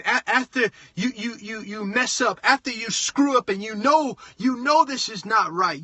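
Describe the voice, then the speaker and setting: Man, bright tense voice, frustrated preachy rant, repeats himself, dry close car sound. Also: high voice, no echo. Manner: blunt, frustrated, repeats words and restarts. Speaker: preacher sharing advice on a livestream. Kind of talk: impassioned preachy monologue. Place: inside a parked car.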